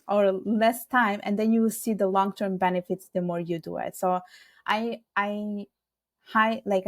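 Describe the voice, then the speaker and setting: A woman from Italy whose first language is Bengali appears as a podcast guest in a casual interview chat. Her mid-range voice, recorded with no room sound, is earnest and reflective as she gives advice.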